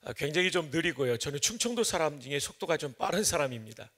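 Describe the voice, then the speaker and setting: A pastor from Chungcheong, Korea, preaches an early-morning revival sermon in a church, starting as a folksy, joking storyteller before turning to emphatic teaching. His voice is slightly high and a bit bright, animated and quick.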